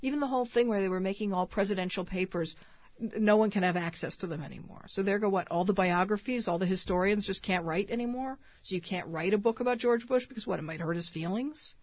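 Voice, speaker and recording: A woman's voice: mid-range voice, fast talker, no room sound. A woman author answering questions in a radio interview, thoughtful and full of restarts. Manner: thoughtful, many restarts and fillers. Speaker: author guest. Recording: dull lo-fi radio sound.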